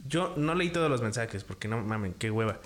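A man's voice: mid-range voice, expressive, fairly quick. A young man co-hosting a casual chat, full of crude slang and swearing, laughing often as he talks.

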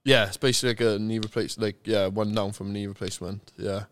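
Male, South Welsh, low clean voice; matter-of-fact, informal podcast guest with blunt, sweary delivery. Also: fairly even intonation, quick pace, fairly bright tone, clear, resonant tone. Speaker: interview guest, retired rugby player. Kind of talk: casual, candid podcast chat.

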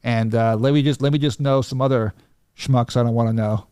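A man's voice: mid-range voice, steady tone, brisk, warm tone, clear, resonant tone, no room sound, studio quality. Laid-back joking male podcast host. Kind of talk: casual chat.

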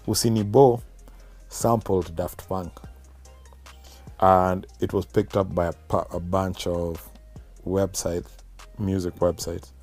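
A man's voice: deep voice, darkish tone. A man with a Kenyan accent talking casually and reflectively as a guest musician in an interview.

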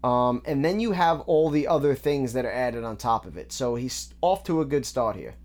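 A man's voice: mid-range voice, animated, normal speed, a little mellow. A man giving a casual, methodical breakdown of rap lyrics, with frequent ums and restarts. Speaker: music reaction host.

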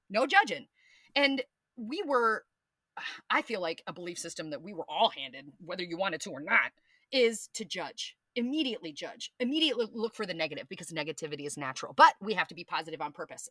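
Woman podcast host, bright voice, dry close sound, animated, profane, playful. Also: mid-range voice, dry recording. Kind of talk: casual astrology talk.

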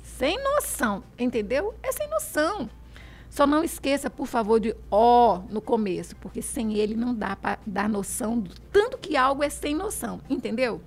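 A woman's voice: fairly high pitch, expressive, moderate pace, hardly any pauses, slightly rough. A woman with a Minas Gerais accent hosting a talk show, reading a text aloud and chatting playfully with her guest, often laughing and imitating local sayings. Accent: Brazilian Portuguese from Minas Gerais. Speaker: host. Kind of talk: reading aloud and casual chat.

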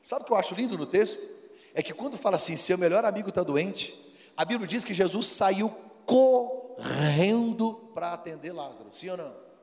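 A man's voice: high-pitched, lively intonation, moderate pace, darkish tone. A man preaching a sermon, acting out dialogue and firing rhetorical questions at the congregation. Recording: long hall reverb.

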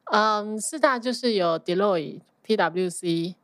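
Female podcast guest, Taiwanese Mandarin accent, conversational, English words sprinkled in, average pitch, very little room sound. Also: takes it slowly, fairly bright tone, no echo. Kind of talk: casual conversational interview.

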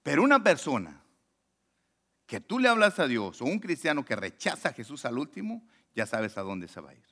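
A man preaches a sermon in a fairly high voice with a very lively, swooping pitch. He rises to loud, emphatic lines and then drops to low murmured asides. He also acts out the quoted voices in his story. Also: moderate pace. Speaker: pastor.

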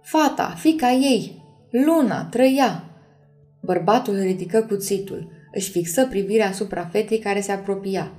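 A woman narrating an audiobook chapter in a measured, expressive reading. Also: mid-range voice, faint music behind.

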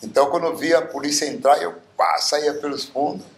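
A man's voice: on the high side, fairly even intonation, a little fast, vocal fry. A man in his seventies from Bauru, Brazil, telling stories as a guest, with many fillers. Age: 70s. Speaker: guest singer. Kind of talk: casual interview storytelling. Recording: roomy echo.

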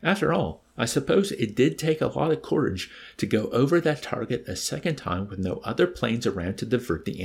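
A man's voice: mid-range voice, gravelly, slightly rough, pitched above the performer's own voice, heavily acted. A man reading aloud and voicing a smug, sly male colonel who speaks casually and self-satisfied.

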